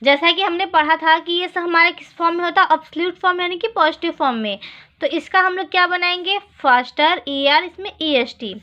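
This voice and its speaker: A woman with a very high voice teaches an English grammar lesson in Hindi. She keeps asking questions and answering them herself, and she slows right down for each example sentence. The recording is dull and lo-fi. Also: sharp tone. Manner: reads English examples slowly.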